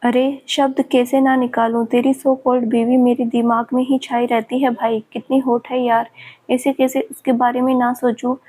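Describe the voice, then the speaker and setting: A woman's voice: fairly high pitch, level tone, moderate pace, warm tone, slightly rough. A woman voicing a taunting, leering male villain who has escaped from an asylum, in her own narrating voice. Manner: mocking and leering.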